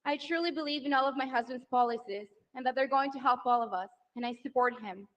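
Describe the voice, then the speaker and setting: On a lo-fi recording, the candidate's spouse talks fast in a high, slightly bright voice. This Venezuelan woman in her thirties gives an emotional rally speech into a handheld mic outdoors before a large crowd, building toward rousing applause lines.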